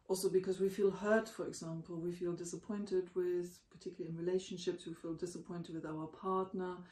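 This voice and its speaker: A co-host on a relationship podcast speaks in a measured way, with plenty of ums and uhs. The voice sits at a middling pitch. It sounds roomy and set back from the microphone. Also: mellow, distant mic. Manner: measured, explanatory, with many filler sounds. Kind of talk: conversational podcast discussion. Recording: echoey room, away from the mic.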